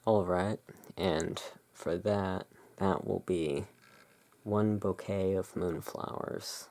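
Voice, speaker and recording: In a low, gravelly voice, a gentle ASMR performer portrays a gothic curiosity shop's easygoing owner, talking slowly and soothingly.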